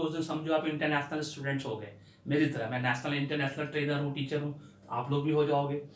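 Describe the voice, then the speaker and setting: A male English teacher from India explains vocabulary and syllables at a steady pace. His voice sits a little high for a man, and it rings in an echoey room. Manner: explains at a steady pace, spells words out letter by letter. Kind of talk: spoken English lesson.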